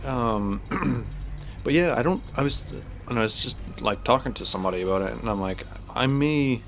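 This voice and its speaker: A gaming-channel host chats casually while playing a space game, rambling with lots of fillers and restarts. His mid-range voice is expressive and slightly stuffed-up, moving at a moderate pace over a little hiss or hum.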